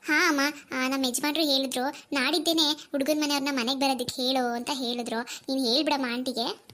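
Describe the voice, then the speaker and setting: A woman voicing a gentle, caring young wife in a cartoon who speaks softly and reassuringly. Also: high voice, fairly even intonation, a little fast. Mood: chatty. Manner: soft, reassuring. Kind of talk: cartoon dialogue acting.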